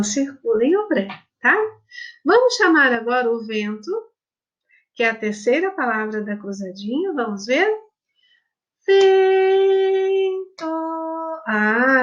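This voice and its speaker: A woman's voice: a little high, fairly bright tone, lo-fi sound. A woman primary school teacher giving a remote lesson to children, affectionate, drawing out words and spelling them letter by letter, with a Brazilian Portuguese accent. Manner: affectionate, addresses pupils as "my loves".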